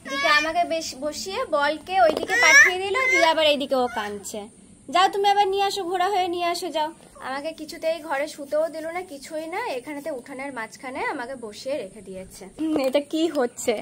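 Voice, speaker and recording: A woman from West Bengal, hoarse with a cold, chatting to her vlog audience and gently coaxing her small daughter at home. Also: high voice, lively intonation, fast talker, a little hiss or hum. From West Bengal, India. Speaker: vlogger mother. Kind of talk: casual home vlog talk to camera and child.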